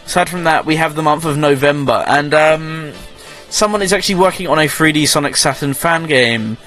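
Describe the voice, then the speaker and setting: A man's voice: a little high, fairly quick, fairly bright tone, soft background music. A man hosting a radio show, chatting casually through a news roundup, rambling, correcting himself and joking sarcastically.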